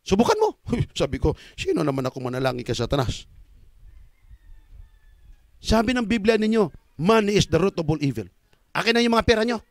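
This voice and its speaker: A middle-aged evangelist man preaching a sermon in an animated way, swinging from shouts to low asides. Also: a little fast, long pauses, no echo, studio quality.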